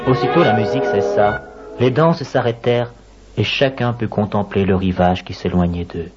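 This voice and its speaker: A man narrating a moralizing children's story with dramatic, drawn-out emphasis. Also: fairly low pitch, slightly rough. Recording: dull lo-fi audio with guitar music.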